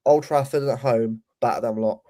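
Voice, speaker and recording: A man with a roadman way of speaking gives casual football banter as a guest. His tone is mellow and relaxed in colour, yet he makes his points emphatically and circles back to repeat phrases. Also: mid-range voice, a little fast. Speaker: guest on a football fan show.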